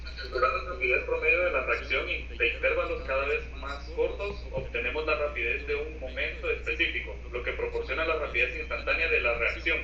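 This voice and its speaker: Student guy reading aloud fast, bright voice, far off and echoey. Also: mid-range voice, slight background noise. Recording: distant, muffled and echoey.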